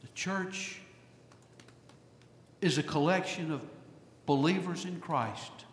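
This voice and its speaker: Casting: high-voiced man delivering a sermon, deliberate and emphatic, echoey church hall. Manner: slow, emphatic, repetitive phrasing. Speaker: pastor.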